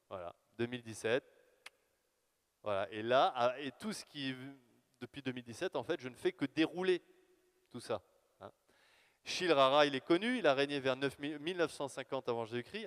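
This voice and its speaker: Lively man lecturing in a reverberant hall. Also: medium pitch. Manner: lively, conversational, thinking aloud with fillers. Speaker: lecturer presenting his research. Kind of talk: live lecture to an audience.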